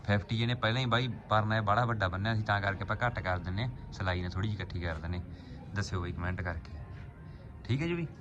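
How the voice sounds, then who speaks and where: Here the pigeon keeper, fairly low in pitch and quick-paced, chats informally to his viewers as if they were mates. Filmed outdoors on a home rooftop in a rustic, casual style, the lo-fi recording picks up birds and noisy ambience.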